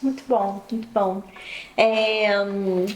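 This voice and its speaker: A woman's voice: medium pitch, level tone, takes it slowly, slight background noise. A woman podcast host from Brazil, asking short follow-up questions and laughing easily in a casual interview. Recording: roomy echo.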